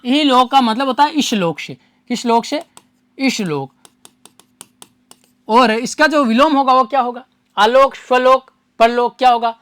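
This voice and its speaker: A woman's voice: fairly high pitch, no room sound, studio quality. A woman teaching a grammar lesson for an exam, who keeps asking rhetorical questions and answering them at once, repeating each key answer.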